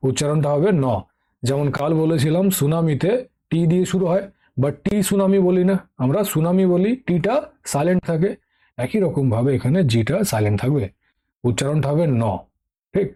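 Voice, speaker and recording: A man's voice: fairly high pitch, expressive, moderate pace, dark tone. Patient Bengali-accented male teacher. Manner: patient, repeats key words with frequent "ঠিক আছে?" checks. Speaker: English vocabulary teacher. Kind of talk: online exam-prep lesson.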